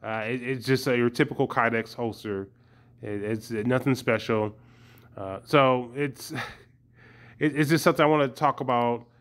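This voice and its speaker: A man's voice: medium pitch, steady tone, unhurried. Rambling man chatting to his viewers. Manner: rambling, hesitant, chuckles often. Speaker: vlogger. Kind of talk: casual chat to viewers.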